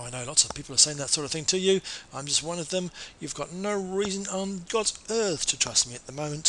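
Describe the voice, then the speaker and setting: A man, a marketing consultant, giving an earnest, persuasive sales pitch and now and then correcting himself mid-sentence. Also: pushed and bright, a little hiss or hum, rough recording.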